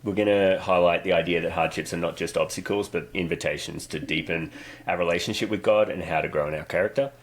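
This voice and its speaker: A man's voice: sits low, fairly even intonation, fast. A man co-hosting a faith podcast, reading an earnest episode summary with a few fillers. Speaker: podcast co-host.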